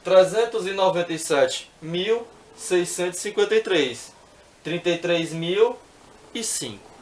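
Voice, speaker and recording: A man's voice: high-pitched, animated, a little slow, roomy sound, a little hiss or hum. A man teaching math, working through exercises patiently step by step and often checking in with the viewer.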